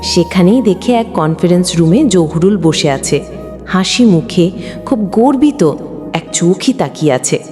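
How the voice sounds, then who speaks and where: In a dark, lowish voice that is animated and a little slow, a woman performs a scripted emotional story as a storyteller. The delivery is dramatic and sentimental, set against background music and long hall reverb.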